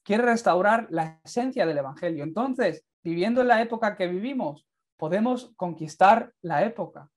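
With an expressive, high-sitting voice at a moderate pace, a young Castilian-accented preacher addresses a camera from an indoor spot against a plain light wall. He gives a fervent, earnest sermon and closing prayer that builds to emphatic peaks.

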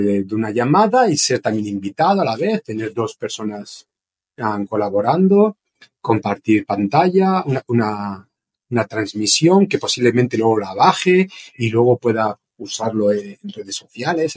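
A man's voice: on the low side, breathy edge. A man teaching Spanish phrases in an online lesson, explaining with restarts and checking in with "¿sí?". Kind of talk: informal online language lesson. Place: home, streaming test with screen sharing. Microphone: computer mic on a streaming platform.

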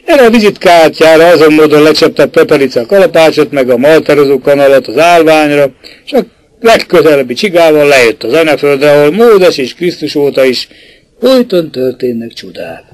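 A man reads a classic novel aloud in a fairly high voice, recorded close and dry with no room sound. He narrates evenly and lifts or drops his voice to play the characters in the dialogue. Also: lively intonation, no echo, poor audio. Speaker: audiobook narrator. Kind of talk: literary audiobook reading.

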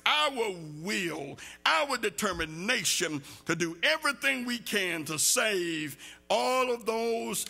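A man's voice: high voice, gravelly. An older man preaching a sermon from a church pulpit, building force through repeated calls and questions. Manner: forceful, emphatic repetition with rising calls. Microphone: pulpit mic.

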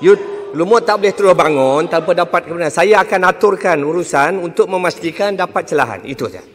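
A man's voice: sits high, animated, fast. A man with a Malaysian accent chairing a parliamentary debate, firm and giving brief orders to members. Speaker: committee chairman presiding. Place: large parliament chamber. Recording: long chamber reverb.

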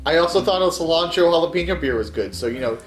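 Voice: medium pitch, animated, fast talker. A podcast guest in casual chat, talking in a playful, joking way. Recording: echoey room with faint music.

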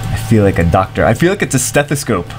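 Talking fast in a lowish, congested voice, a thirtysomething gaming streamer rambles excitably and repeats himself. He uses a headset in a small room at home, and background noise can be heard.

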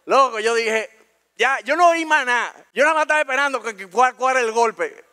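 A man with a Dominican accent telling a personal story on stage, colloquial and animated, acting out scenes. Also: very high-pitched, a little fast. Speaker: speaker. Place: stage in a talk venue.

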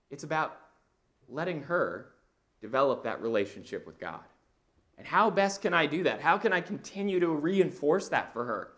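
A man's voice: a little high, fairly bright tone. A man in his thirties preaching a conversational sermon while walking the stage of a church auditorium. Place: church auditorium with a projection screen.

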